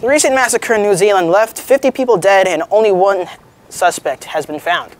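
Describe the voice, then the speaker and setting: A teenage female student anchor reading a mock newscast script in an informal, halting way with chatty asides. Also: mid-range voice.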